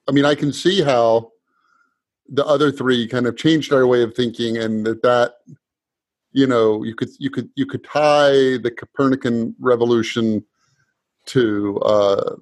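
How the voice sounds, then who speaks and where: A man at a middle pitch asks questions as an interviewer. He restarts and rephrases while working out what to ask. The room sounds dry and close. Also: darkish tone, dry recording. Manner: searching, rephrases his questions. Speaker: host.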